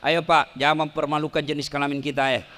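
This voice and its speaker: Casting: male preacher, crowd-teasing, bright tone, long hall reverb. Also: on the high side, level tone, quick pace. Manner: joking, teasing the audience, leads call-and-response chanting. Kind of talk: lively sermon at a public event. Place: large hall with an audience.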